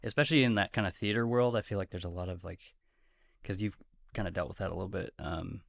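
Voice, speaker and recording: Podcast host guy, lowish gravelly voice, rambly with lots of "like"s. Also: fast talker. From Pacific Northwest. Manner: rambling, many filler words, warm to his guest. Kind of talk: casual podcast interview. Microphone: podcast mic.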